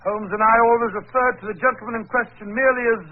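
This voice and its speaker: An actor playing a genial older English doctor, bluff and easily flustered, in 1940s radio drama style. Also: male voice, extremely high pitch, steady tone, racing. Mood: chatty, discreet. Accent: British. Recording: muffled, tinny old 1940s radio recording.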